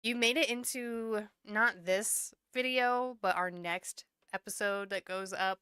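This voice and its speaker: A woman hosting a casual recap podcast, chatty and quick to laugh. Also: medium pitch, bright, forceful tone, clear, resonant tone, no room sound, clean studio sound. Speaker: podcast host.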